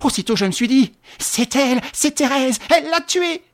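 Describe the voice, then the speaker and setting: A man's voice: lively intonation, normal speed. A man voicing a furious woman who hurls a murder accusation at her friend in an audiobook. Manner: shrill, shouting accusations. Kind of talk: audiobook reading.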